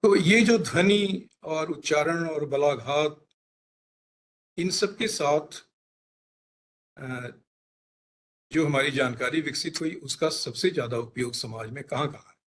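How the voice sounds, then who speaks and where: Slow, deliberate man explaining language. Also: fairly high pitch, slight background noise. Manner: slow and deliberate, spelling out and repeating examples. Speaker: linguistics expert. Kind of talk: explanatory career talk.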